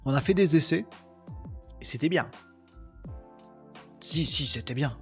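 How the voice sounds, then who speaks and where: A man's voice: on the high side, expressive, unhurried, soft background music. A man with a ch'ti accent hosting a live podcast, chatting casually and joking with his viewers. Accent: Picard (ch'ti) traces. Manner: chatty, self-mocking, talks to chat viewers. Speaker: podcast host. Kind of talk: casual live-stream chat.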